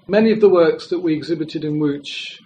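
A man's voice: a little high, brisk, mellow, slight background noise, rough recording. A man giving an academic presentation, speaking in a thoughtful, exploratory way with hedging phrasing. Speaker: lecturer.

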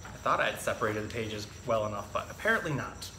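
This man in his thirties has an animated, bright, forward voice at an average pitch and moves at a quick pace. As the zookeeper host of an animal storytime, he gives children casual, plain-spoken explanations and reads a picture book aloud. The echoey indoor room has hard walls and a tiled floor, with faint noise in the background.

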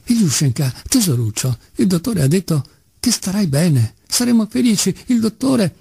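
A man's voice: high voice, very animated, normal speed, dark tone, husky, no echo, pitched above the performer's own voice, exaggerated voice. A man reading the part of a distraught, pleading middle-aged father in an audiobook. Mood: tearful. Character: desperate poor father, middle-aged captain.

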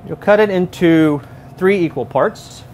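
Chef in his thirties, slightly high voice, walks through a recipe step by step, lapel mic in a large kitchen. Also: unhurried, a little hiss or hum. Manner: steady step-by-step instruction. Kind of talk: cooking demonstration. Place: large professional kitchen, indoors.

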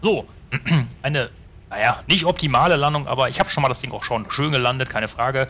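A man's voice: medium pitch, brisk, sharp tone. A man giving casual, rambling gameplay commentary to his viewers, chatty and swearing now and then.

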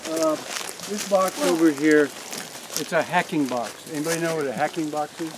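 With a voice on the high side and lively intonation, an older man tours his farm outdoors for a group, talking at a moderate pace against a noisy background. A camera among the standing group catches his rambling delivery, thick with restarts and fillers.

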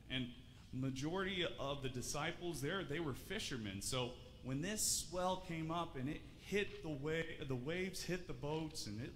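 A man in his thirties, speaking with a mid-range, slightly bright voice, delivers a children's sermon in a church sanctuary. He's friendly, poses questions, and often starts his sentences over. The sound carries church hall reverb along with faint room noise.

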